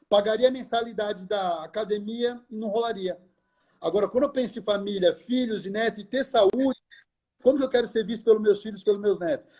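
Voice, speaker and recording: A middle-aged man, a lecturer, telling a story in conversation in an animated way, acting out the dialogue and often speaking to the host by name. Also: sits high, husky.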